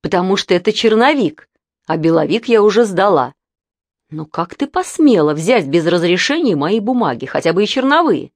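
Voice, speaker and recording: A woman's voice: lowish voice, big pitch swings, moderate pace, no echo, clean studio sound. A woman voicing a strict middle-aged aunt who scolds in curt, stern phrases. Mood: scolding.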